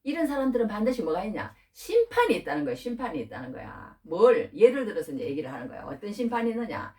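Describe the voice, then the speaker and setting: A middle-aged woman preaching a sermon, asking the listeners rhetorical questions in an informal, lively way. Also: mid-range voice, fast. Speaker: pastor. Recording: distant from the mic.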